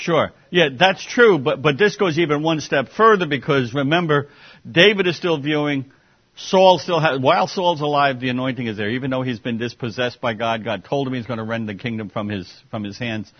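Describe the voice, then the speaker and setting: A man leads an informal Bible study, explaining scripture conversationally with sarcastic asides and fielding questions from the group. His mid-range voice moves fairly quickly, captured in a dull, muffled classroom recording.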